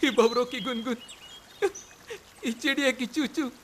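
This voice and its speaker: Birdsong and outdoor noise surround a woman acting a rustic street hawker in a radio play. She is high-voiced and unhurried, cajoling. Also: fairly even intonation, lightly acted. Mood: soothing, coaxing. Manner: folksy, drawn-out street hawker delivery. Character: rustic woman chana vendor, cajoling and folksy.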